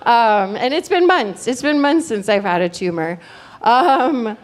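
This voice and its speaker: Middle-aged female comedian, fairly high-pitched, chatty and digressive, speaking directly to her crowd. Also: expressive, measured pace. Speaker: stand-up comedian. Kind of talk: stand-up comedy.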